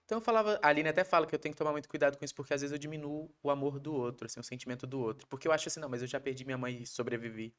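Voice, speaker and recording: A Brazilian man, a podcast guest, telling a personal story in a casual, animated way, acting out his wife's lines. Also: mid-range voice, very fast, few pauses. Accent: Brazilian Portuguese. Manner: animated, acts out quoted voices of his wife.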